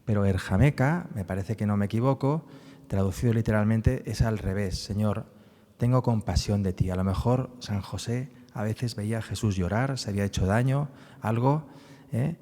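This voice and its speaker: A man's voice: on the low side, moderate pace, dark tone, long reverb tail. A man from giving a public talk about a book on the psalms, explaining as he goes and often tagging his sentences with little questions. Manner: explanatory, frequent tag questions. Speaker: speaker presenting a book on the psalms.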